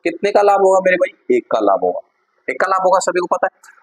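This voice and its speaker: A male maths teacher talks students through a lesson one step at a time. His voice is a little husky and sits slightly high. He stops often to check that the class is following. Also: very animated, fairly quick, rough recording. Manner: repeats steps, keeps checking in with students.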